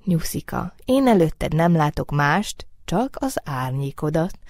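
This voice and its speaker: A woman's voice: sits low, sing-song, a little mellow, full character voice. A woman voicing a kind, playful moonbeam spirit in a storybook reading, speaking in a coaxing, whispery way. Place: recording studio.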